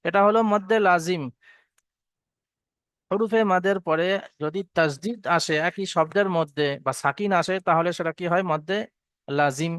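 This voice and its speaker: A man teaching Quran recitation to students, spelling out each letter and vowel and then chanting the verse slowly. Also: high voice, a bit bright, clean tone, no room sound. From Bengal.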